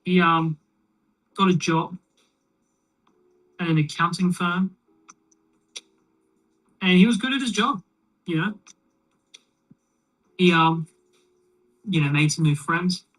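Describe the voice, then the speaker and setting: A speaker alone in a room, telling a long shaggy-dog joke in a rambling, deadpan way with plenty of fillers. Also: medium pitch, slow, long pauses, distant mic, rough recording. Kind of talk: shaggy-dog joke told while painting miniatures.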